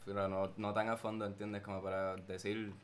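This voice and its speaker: A man's voice: fairly low pitch, flat delivery, moderate pace. A young man, a musician guesting on a casual podcast, teasing and swearing.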